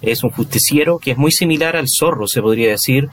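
A man's voice: medium pitch, fast talker, a little hiss or hum. A man co-hosting a podcast who chats about western films in an easygoing way, with many fillers and hesitations. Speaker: podcast co-host. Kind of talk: casual chat about film.

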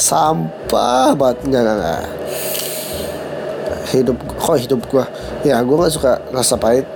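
He takes it slowly, with long pauses and a creaky, medium-pitched voice full of lively intonation. A young Jakarta-slang-speaking podcast host with a stuffy nose from a cold, he pokes fun at himself on his casual solo show and laughs at his own jokes, all against background noise.

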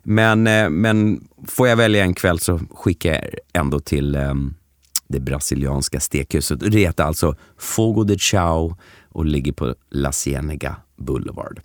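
Podcast co-host, man, very low voice, unhurried storyteller, dry recording. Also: no echo. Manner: halting, relaxed storytelling. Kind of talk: casual chat.

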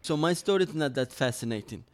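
An earnest Iraqi man in his 30s tells his personal story as an interview guest. His voice is fairly high, expressive and quick-paced.

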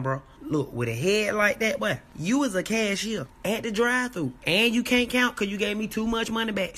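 A man's voice: high voice, bright, forceful tone. A man trading roast insults in a mocking, trash-talking way.

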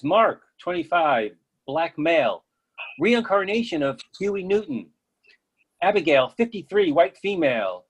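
A man narrates a script's stage directions in a theatre reading. His voice sits a bit high and has a husky, rough edge. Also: rough recording.

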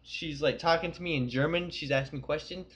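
A man's voice: fairly high pitch, fast, a bit bright. A young man co-hosting a podcast, telling rambling, profane stories in casual chat. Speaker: podcast co-host.

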